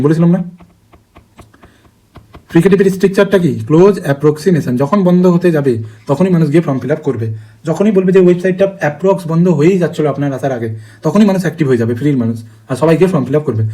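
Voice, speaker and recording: A man's voice: a little high, dark tone, poor audio. A man teaching an online phonetics lesson, drilling terms over and over and asking students if they understand. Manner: rapid, repetitive drilling with frequent check-in questions.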